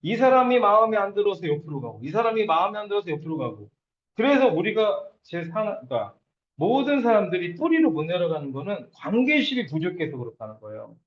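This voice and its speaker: A man's voice: high-pitched, big pitch swings, a little fast. A man giving a lecture on network marketing, acting out quoted partners and sponsors as he speaks. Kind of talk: lecture to an audience. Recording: dull, echoey room.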